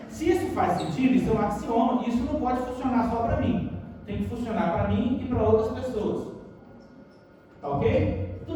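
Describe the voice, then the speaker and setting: A man's voice: sits high, mellow, a little hiss or hum. A Brazilian Portuguese-speaking man teaching a university workshop, often putting rhetorical questions to his audience. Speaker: university lecturer. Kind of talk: lecture workshop. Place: auditorium. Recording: echoey auditorium from far off.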